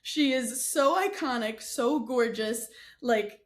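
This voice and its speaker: A young woman guest on a casual podcast with a fairly high voice. She tells stories in an animated way and makes fun of herself as she goes. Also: slow pace. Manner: animated storyteller, self-mocking. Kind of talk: casual chat.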